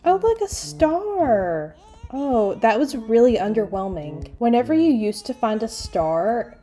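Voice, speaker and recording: Chatty young woman with a mellow voice. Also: fairly high pitch, sing-song, faint music behind. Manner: chatty, lots of "like", quick asides and laughs. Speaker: gaming YouTuber. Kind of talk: casual gameplay commentary.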